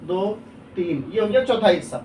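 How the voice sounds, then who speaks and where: A man's voice: high-pitched, expressive, a little mellow. A man, an Islamic scholar, explaining religious rules step by step in a question-and-answer talk, with worked examples and frequent checks that the listener follows. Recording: echoey room, mic far off, faint ambient noise.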